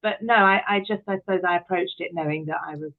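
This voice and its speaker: Heard through thin call audio, a fast-talking middle-aged British woman with a lowish voice is being interviewed on a podcast. An actress, director and writer, she reflects on her own experiences in a candid, self-deprecating, conversational way, telling personal anecdotes.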